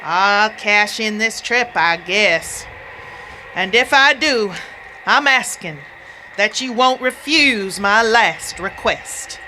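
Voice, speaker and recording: A woman voicing a cold-hating gold prospector with emphatic, drawn-out delivery in a poem performed live. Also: mid-range voice, animated, sharp tone, low-quality recording. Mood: weary, pleading. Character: dying, cold-hating gold prospector, pleading with his pal. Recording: live performance with clear background noise.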